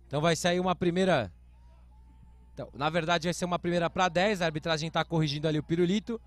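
A man's voice: fairly high pitch, fast, no room sound. A Brazilian man giving live American football play-by-play commentary, explaining calls in short announcer phrases. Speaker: sports commentator.

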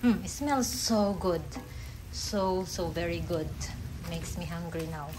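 Woman vlogger, unhurried kitchen chat to camera, lowish voice, kitchen noise in the background. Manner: chatty, unhurried, talks to viewers while cooking. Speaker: cooking vlogger. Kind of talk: casual cooking chat. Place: home kitchen at the stove. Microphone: camera nearby, hands-on cooking.

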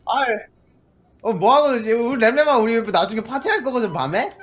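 An actor playing a sly teenage bully who fakes friendliness in a Minecraft skit, halting and repeating words. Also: medium pitch, lively intonation, slight background noise, lightly acted. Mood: coaxing. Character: sly teenage bully, fake-friendly classmate giving chores. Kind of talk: acted Minecraft skit dialogue. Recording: music behind the voice.

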